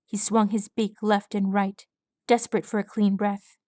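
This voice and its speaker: A woman's voice: medium pitch, little pitch movement, moderate pace, a little mellow, dry recording, studio quality. A woman reading fan fiction aloud as an audiobook, with dramatic storytelling narration. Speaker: audiobook reader.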